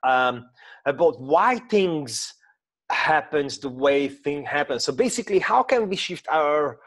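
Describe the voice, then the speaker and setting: A mindset coach in his thirties talks to camera in English with a Hungarian accent, explaining a drawing on a shared screen. His voice is a bit high for a man, expressive, a bit bright, and a little slow. He hesitates a lot, with many fillers, restarts, and non-native grammar.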